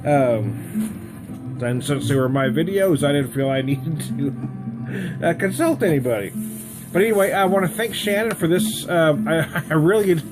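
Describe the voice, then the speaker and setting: A man hosts a casual tasting vlog. His voice sits a little high, and he rambles in a jokey, chatty way. Music plays clearly behind him. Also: lively intonation, measured pace, rough recording. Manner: jokey, rambling, chuckles at own asides. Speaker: whisky reviewer and vlog host.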